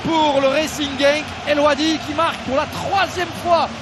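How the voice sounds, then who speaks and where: Excited, very high-pitched male football caller. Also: moderate pace. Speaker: football commentator. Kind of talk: excited live football commentary. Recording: stadium crowd and noise.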